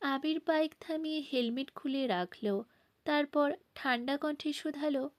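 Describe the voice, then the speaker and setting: Woman, audiobook reader, calm steady narration, high voice. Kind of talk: storybook narration.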